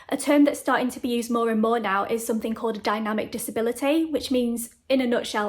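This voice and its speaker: A young woman talking casually to camera in a vlog, slightly sniffly from a cold and slurring her words a little, recorded on the camera's own mic. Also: fairly high pitch. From United Kingdom. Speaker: vlogger. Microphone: camera mic, no separate microphone.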